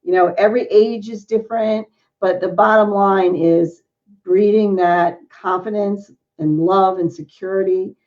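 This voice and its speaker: A woman's voice: mid-range voice, steady tone, measured pace, a little mellow, lo-fi sound. A middle-aged woman hosting an interview, effusive and emotional, with many exclamations. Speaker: host. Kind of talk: casual interview chat.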